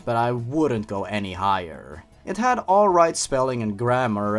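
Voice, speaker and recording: A man hosts a horror story review channel, reading a story aloud within scripted, opinionated commentary and tossing in sarcastic asides. His voice is medium-pitched and a bit bright.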